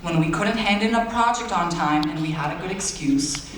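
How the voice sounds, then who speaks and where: In his late teens and a native Bulgarian speaker, a young man delivers an earnest, self-deprecating valedictorian speech in a large school auditorium. His high, slightly bright voice moves at normal speed, picked up by a far-off audience camera in an echoey hall with slight background noise.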